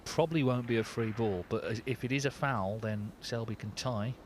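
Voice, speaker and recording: A man giving live snooker commentary in a measured, conversational way. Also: medium pitch, a little hiss or hum.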